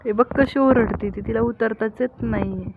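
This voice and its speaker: A woman's voice: fairly high pitch, moderate pace, vocal fry, narrow, tinny audio. A young woman vlogging on a rooftop terrace with a phone, chatting to the camera and coaxing her small child with questions. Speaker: vlogger and mother. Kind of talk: casual home vlog, talking to camera and child. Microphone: handheld phone camera. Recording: noisy outdoor phone audio.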